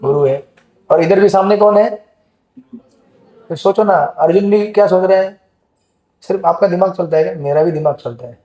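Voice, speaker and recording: A man teaches a scripture class in a chatty, questioning way, with a high voice for a man. His tone is mellow, and the hall gives it a roomy echo. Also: moderate pace, pauses often. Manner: conversational, asks the audience questions. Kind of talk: Gita class lecture. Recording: echoey hall.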